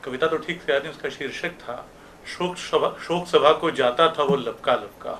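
A man's voice: fairly high pitch, moderate pace, fairly bright tone, a little hiss or hum. A man giving a reflective memorial talk to an audience, reminiscing through anecdotes. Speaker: speaker at a memorial meeting. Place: auditorium.

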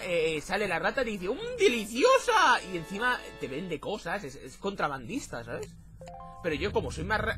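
Excitable swearing gamer guy. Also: high voice. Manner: excitable, swears a lot, shouts at the game. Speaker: let's play host. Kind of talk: let's play commentary.

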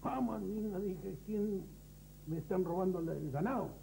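A man's voice: high voice, normal speed, creaky, mellow. A middle-aged man with an Argentine accent, telling rambling, boastful stories with mock innocence in a sketch set in a studio kitchen. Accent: Argentine Spanish. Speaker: comedian playing a gaucho cook. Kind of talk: sketch comedy banter. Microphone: lapel mic. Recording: noisy old VHS tape.

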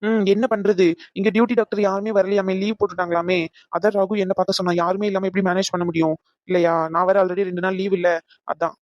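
A woman's voice: medium pitch, little pitch movement, fast talker, a little mellow, dry recording, dull audio, close to an everyday voice. A woman voicing a practical hospital doctor in a cartoon dub, matter-of-fact in tone.

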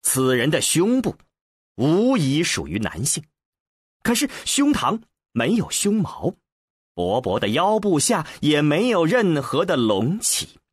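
A man narrating an audiobook with an expressive, deliberate storyteller's delivery. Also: fairly high pitch, husky, no echo, studio quality.

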